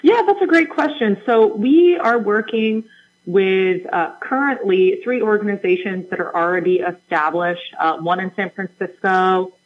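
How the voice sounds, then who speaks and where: A woman's voice: medium pitch, a little slow. A woman who directs a program, answering a radio host's questions in an upbeat, explanatory way with a few fillers. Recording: dull lo-fi line.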